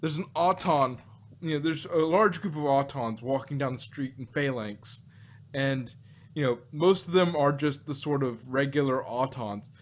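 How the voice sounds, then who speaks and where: Here a male podcast host reviews an audio drama in loose, joking banter, wandering from story to story. His voice is mid-range, his pace moderate, and there's a slight hiss or hum on the recording.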